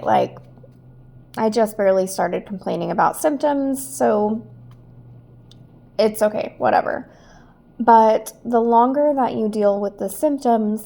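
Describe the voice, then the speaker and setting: Earnest woman hosting a podcast, gravelly. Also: medium pitch, dark tone. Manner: earnest, emotional, reflective. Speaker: podcast host. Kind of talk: personal podcast monologue.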